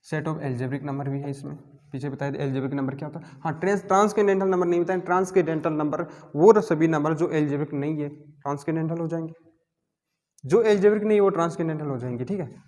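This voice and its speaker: A man's voice: on the high side, little pitch movement, fairly quick, a little mellow. Man lecturing with rhetorical questions. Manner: asks and answers his own questions. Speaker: math teacher. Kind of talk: classroom lecture. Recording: long hall reverb.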